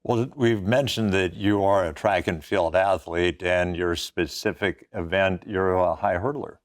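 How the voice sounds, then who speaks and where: A man's voice: low voice, unhurried. A man hosting a television sports program, delivering scripted recaps and asking guests questions. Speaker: host. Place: TV studio set.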